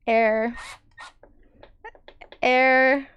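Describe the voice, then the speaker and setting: A woman's voice: high voice, flat delivery, drawn-out words, smooth, lo-fi sound. A woman voicing a glitching stud-finder robot that repeats clipped, machine-like beeps and error sounds.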